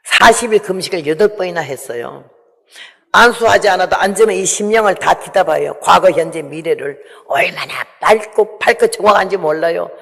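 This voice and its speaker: Gravelly elderly woman preaching in a hall. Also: lowish voice, a bit bright. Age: 80s. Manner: emotional, acts out quoted dialogue. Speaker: missionary. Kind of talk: testimony sermon. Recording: long reverb of a large hall.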